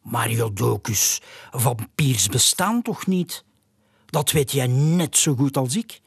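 A storyteller voicing a calm, level-headed little owl with a breathy, matter-of-fact voice in a storybook. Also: mid-range voice, slow, dry recording, clean studio sound, full character voice. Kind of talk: storybook character voice.

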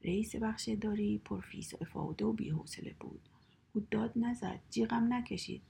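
A woman reading a children's story aloud in a soft, hushed whisper. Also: medium pitch, vocal fry, slightly rough.

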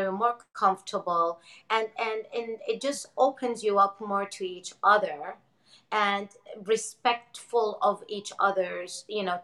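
An earnest woman in her forties from Jordan talks as a guest in a relaxed interview. She speaks reflectively and circles back on her words, often with soft laughter. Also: mid-range voice, poor audio. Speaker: interview guest, energy-healing teacher. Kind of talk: casual interview conversation.

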